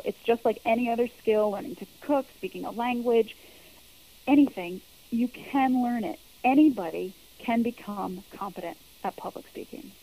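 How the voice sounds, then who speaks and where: A woman's voice: on the high side, creaky, mellow, poor audio. A woman who works as a public speaking coach, answering interview questions in an earnest, explanatory way and repeating her key points.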